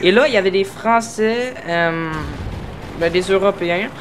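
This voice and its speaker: Over gameplay, a man with a high voice and a Québécois French accent from Quebec, Canada casually presents his gaming channel at a moderate pace. He hesitates and fills gaps with sounds while working to speak carefully, against background noise.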